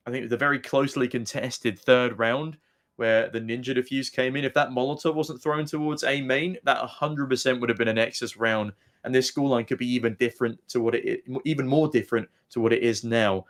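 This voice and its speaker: A man's voice: medium pitch, steady tone, brisk. Wordy male esports analyst on commentary.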